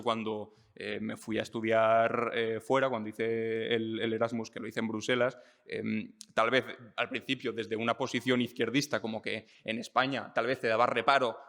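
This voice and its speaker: A young man from Spain talking casually and thinking aloud, with fillers and restarts, slowing down to stress his points. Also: mid-range voice, a bit bright, long reverb tail. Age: young adult. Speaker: speaker on politics and identity. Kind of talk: casual talk.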